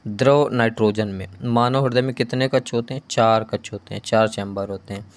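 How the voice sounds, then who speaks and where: Male coaching teacher, mid-pitched, runs question-and-answer drills with brisk asides. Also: steady tone. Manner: reads question then answers, adds quick asides. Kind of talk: quiz-style GK lesson.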